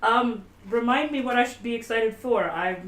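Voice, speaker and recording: Woman as a groggy young clan leader, flustered, bright tone, echoey room. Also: fairly high pitch, moderate pace, close to an everyday voice. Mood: bewildered. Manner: sleepy, flustered, sarcastic. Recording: roomy, distant mic, faint hiss.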